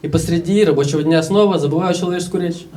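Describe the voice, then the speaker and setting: A man's voice: fairly high pitch, very fast, mellow, distant mic, slight background noise. A young Russian man in his twenties telling stories casually in a stand-up comedy set, acting out the voices of other people. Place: live comedy show with audience.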